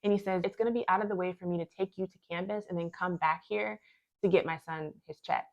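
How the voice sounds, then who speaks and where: A woman's voice: on the low side, fairly even intonation, fast, creaky, dull audio. A woman vlogger telling a personal story in an earnest, reflective storytime way. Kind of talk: storytime narration.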